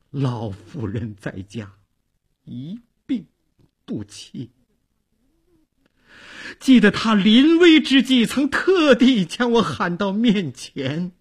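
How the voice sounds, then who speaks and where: A sobbing old servant woman, put on by a male storyteller, her words breaking apart in halting, tearful bursts. Her voice climbs and falls widely and drags slowly, with a husky edge. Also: sits high, voice pushed up, full character voice. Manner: broken, halting speech through sobs. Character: grieving elderly female servant.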